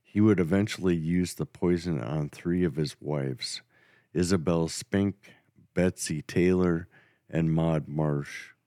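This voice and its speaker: A man hosting a podcast, telling a true crime story in a steady, matter-of-fact way. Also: low voice, takes it slowly, no echo, clean studio sound. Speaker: podcast host.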